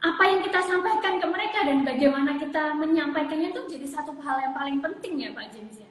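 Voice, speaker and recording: A woman's voice: sits high, fast talker, echoey room. A woman moderating a live online talk, politely agreeing and passing on questions.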